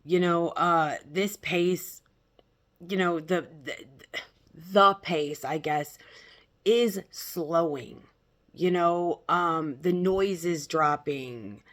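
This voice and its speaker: A woman talking casually as a self-help influencer, blunt and emphatic, haltingly checking in with her listeners. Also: fairly low pitch, a bit bright.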